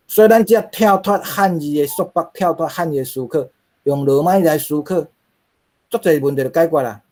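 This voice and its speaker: A man's voice: fairly high pitch, darkish tone. Man lecturing with a Taiwanese accent. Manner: rhetorical questions, frequent fillers. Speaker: linguistics lecturer. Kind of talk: classroom lecture.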